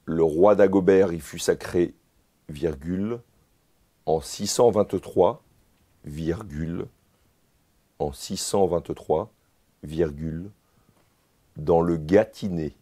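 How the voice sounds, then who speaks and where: A man's voice: deep voice, slow, long pauses, dark tone, husky. A man playing a candidate in a comic dictation sketch, answering formally and repeating every phrase with its punctuation.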